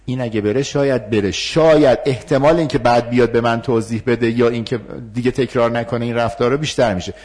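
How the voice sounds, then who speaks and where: A man teaching a communication workshop, talking in a lively, questioning way with many fillers. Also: medium pitch, hardly any pauses. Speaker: workshop trainer. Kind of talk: interactive communication lesson.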